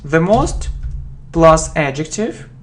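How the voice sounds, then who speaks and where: Woman teaching grammar, super slow, says every example twice, typing in the background. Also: deep voice, very animated, a little hiss or hum. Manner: slow and deliberate, repeats example words. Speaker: English teacher. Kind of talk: slow spoken grammar lesson.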